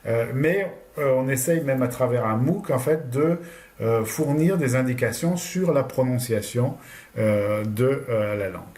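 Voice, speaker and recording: A man giving a relaxed lecture about a language course, talking loosely with frequent hesitations. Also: medium pitch, unhurried. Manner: hesitant, many fillers and restarts while explaining course material. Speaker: university lecturer. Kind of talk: casual lecture commentary.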